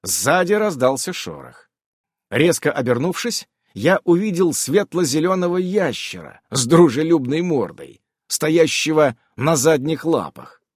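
A man narrating a fantasy audiobook in a wry, animated storytelling manner. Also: a little high, unhurried, breathy edge, dry recording, studio quality.

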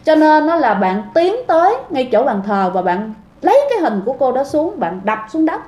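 A woman's voice: high voice, sing-song, moderate pace, a little mellow. A woman telling a ghost story in a chatty way, often addressing her listeners directly. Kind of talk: casual storytelling. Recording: echoey room.

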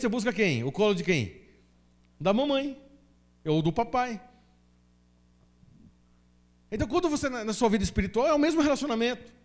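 A Brazilian man preaching a sermon as pastor in a church, emphatic and full of rhetorical questions. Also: very high-pitched. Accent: Brazilian Portuguese.

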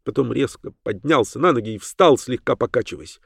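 Man, audiobook narration, mid pitch, measured, dry close sound. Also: animated, creaky, husky, dry recording. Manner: measured, dramatic storytelling.

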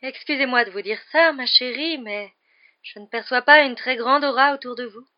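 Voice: high-pitched, moderate pace, lo-fi sound, voice pushed up, natural voice. A reader voicing a dramatic, mournful older woman fortune-teller in an audiobook, speaking in a theatrical, wailing manner. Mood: haughty. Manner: theatrical, wailing, breathy dread.

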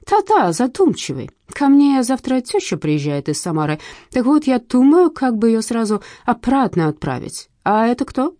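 Woman voicing a Finnish cop, Finnish accent, slow, melancholy, warm tone, audiobook. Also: on the low side, sing-song, no echo, studio quality. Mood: pensive. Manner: slow, melancholy, devoices consonants. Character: slow pensive Finnish traffic cop, man.

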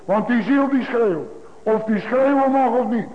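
A male pastor preaches to his congregation in a very high-pitched voice, speaking a little slowly and repeating his points with emphasis. The sound is tinny and phone-like, broadcast inside a large, echoing church.

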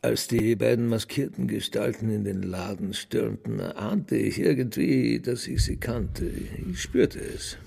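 An actor playing a bitter old father who gives brooding, scornful testimony in a gravelly voice. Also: mid-range voice, unhurried, few pauses, dark tone, full character voice. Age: older. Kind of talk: radio play monologue.

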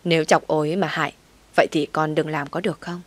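A woman voicing a pleading elderly mother-in-law in a low, soft-spoken read. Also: flat delivery, fast.

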